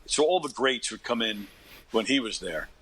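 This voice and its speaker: Speaking with animation at a normal speed, a Long Island, New York man in his fifties, an actor and comedy performer, shares casual stories as an interview guest. His fairly bright, medium-pitched delivery rambles and turns self-deprecating, punctuated by frequent throat-clearing.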